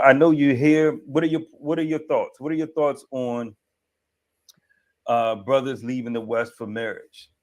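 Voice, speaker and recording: A man hosting a talk, asking his guest questions briskly and restating them. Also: medium pitch, creaky. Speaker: host. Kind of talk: interview questions.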